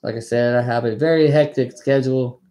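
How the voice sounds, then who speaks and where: A woman's voice: a bass voice, fairly even intonation, brisk, mellow. A woman hosting a live coin auction stream, chatting casually and calling out bids with a playful auctioneer patter.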